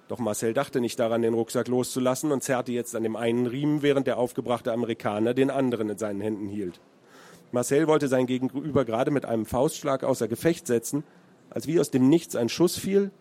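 This is a man from Hesse, Germany, a crime novelist who reads an excerpt and then fields questions, hesitating often with fillers. He speaks at a medium pitch with a dark tone.

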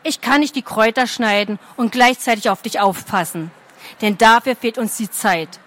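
A woman reading a storybook aloud, voicing a calm, practical man who gathers herbs and speaks earnestly. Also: on the high side, normal speed, lightly acted. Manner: calm, earnest, matter-of-fact.

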